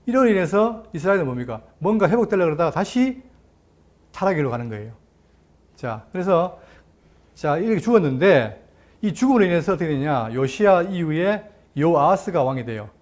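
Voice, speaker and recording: A middle-aged male pastor gives a teaching sermon in a slightly high voice. He keeps asking his listeners questions and then answers them himself. He moves between that conversational teaching and a formal reading of scripture. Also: big pitch swings, a little fast, darkish tone. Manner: reads scripture aloud in a formal recital. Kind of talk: Bible lecture sermon.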